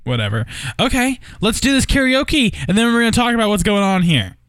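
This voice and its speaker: A man's voice: high-pitched, very animated, a little fast, fairly bright tone, echoey room. A man streaming karaoke with a metallic, tin-can voice filter on his mic, talking in a rambling, profane, self-mocking way. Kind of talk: casual karaoke stream chat.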